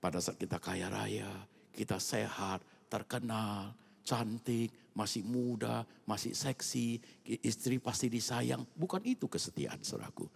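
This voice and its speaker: A male pastor preaching a sermon at an evening church prayer service. He talks colloquially, turns often to the congregation, and swings between loud outbursts and hushed near-whispers. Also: fairly low pitch, expressive, measured pace, vocal fry, husky. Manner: colloquial, with frequent asides to the congregation.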